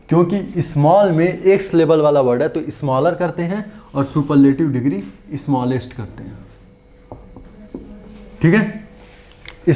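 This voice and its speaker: Man teaching grammar, mellow. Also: on the high side. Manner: repetitive, asks and answers his own questions. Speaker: English teacher. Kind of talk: exam-prep grammar lesson. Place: classroom-style video lesson.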